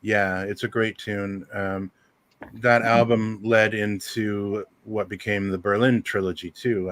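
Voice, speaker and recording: On a dry recording, this radio host from Southern Ontario talks in a low, slightly bright voice. It's a relaxed livestream chat where he meanders through music selections, saying um a lot.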